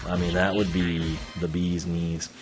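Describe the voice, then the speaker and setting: A man's voice: low voice, little pitch movement, unhurried, music in the background. A man giving casual, rambling live game commentary as a streamer, thinking aloud in slangy speech.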